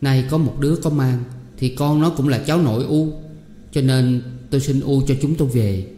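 Male reader as a tearful, pleading young son; raised, dark-toned voice, roomy reverb. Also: medium pitch, normal speed, a little hiss or hum, voice pushed up, close to an everyday voice. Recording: echoey room with long reverb.

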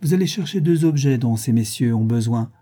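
A man's voice: mid-range voice, animated, brisk, dark tone, husky. A man reading an audiobook, voicing a witty, playful aristocratic lady who hands down mock-solemn judgments.

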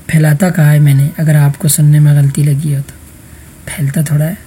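Husky, mellow-voiced male teacher. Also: a little high, level tone. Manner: patient, calls on students by roll number. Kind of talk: online Arabic vocabulary lesson.

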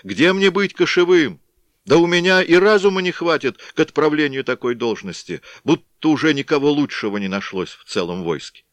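Man putting on old wily cossack, raised pitch, swinging tone, humble protest, storybook. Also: expressive, normal speed, no room sound, natural voice. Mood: pleading modesty. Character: aged shrewd Cossack man, feigning modesty.

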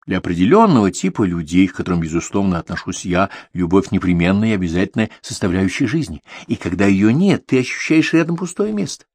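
Male narrator, low husky voice, lively and expressive delivery, dry close sound. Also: fast talker, hardly any pauses, no echo. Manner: intimate, addressing his son. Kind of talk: audiobook reading of a confessional novel.

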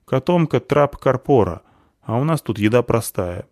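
A man's voice: medium pitch, lively intonation, moderate pace, a little mellow, dry recording, clean studio sound, pitched above the performer's own voice, close to an everyday voice. A man voicing a coarse, tattooed half-orc tavern waitress with rustic, folksy speech in an audiobook. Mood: brusque. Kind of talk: audiobook character voice.

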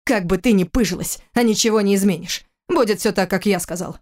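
A woman's voice: medium pitch, fairly quick, darkish tone, close to an everyday voice. A woman voicing a cold, furious adult husband in an audiobook, speaking in a harsh, clipped, contemptuous way. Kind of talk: audiobook character reading.

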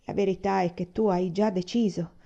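A woman's voice: mid-range voice, steady tone, moderate pace, vocal fry, warm tone. A woman reading a novel aloud and voicing an angry, accusing husband who argues in raised, insistent outbursts. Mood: heated. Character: angry, accusing Chinese husband, adult man. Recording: slightly dull lo-fi recording.

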